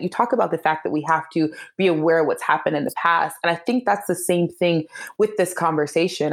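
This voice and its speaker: A woman co-hosting a podcast, speaking in an animated, emphatic way and often asking "right?". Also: low-pitched. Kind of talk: casual conversation.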